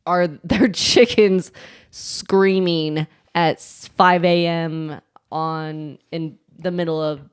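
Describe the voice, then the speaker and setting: Slow, smooth-voiced woman telling a story. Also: sits low, steady tone. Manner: laughs while telling a story, exasperated. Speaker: podcast co-host. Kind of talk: casual storytelling chat.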